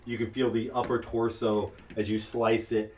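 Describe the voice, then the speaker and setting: A man's voice: on the low side, normal speed. Guy running a homemade tabletop game, kinda far from the mic, lots of uh and um. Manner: relaxed explaining with many fillers. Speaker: game master.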